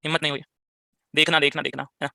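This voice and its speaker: Male history tutor, high and very fast, keeps asking the class questions, dry close sound. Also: level tone, creaky, bright, forceful tone, no echo. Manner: fires rhetorical questions, frequent tag questions; mixes English phrases into Hindi. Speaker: history teacher. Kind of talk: live online class lecture.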